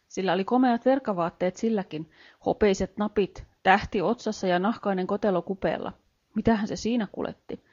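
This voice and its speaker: A woman audiobook reader narrating a novel chapter in a steady, measured reading style. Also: medium pitch. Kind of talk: scripted narration. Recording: dull lo-fi home recording.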